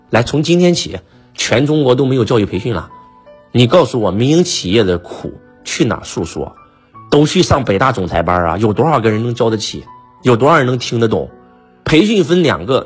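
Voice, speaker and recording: Husky man giving a lively motivational lecture. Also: mid-range voice. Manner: emphatic, keeps firing rhetorical questions; keeps asking the listeners "right?". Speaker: motivational business trainer.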